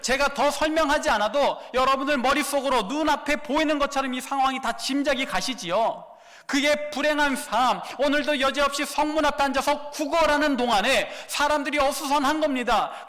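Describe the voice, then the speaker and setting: A man, a pastor, preaching a sermon in a dramatic way with rhetorical questions, swinging from loud to hushed. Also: extremely high pitch. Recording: long reverb of a large hall.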